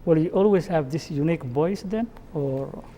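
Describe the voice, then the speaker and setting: A male host interviews his guests, asking questions and adding short acknowledgements. His voice is fairly high and mellow. A long reverb trails behind it. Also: normal speed, slight background noise. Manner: asks friendly questions with short backchannels. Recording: reverberant room.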